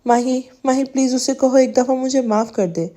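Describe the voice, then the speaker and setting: A man's voice: very high-pitched, fairly even intonation, dark tone. A woman reading a grief-stricken young man. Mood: pleading.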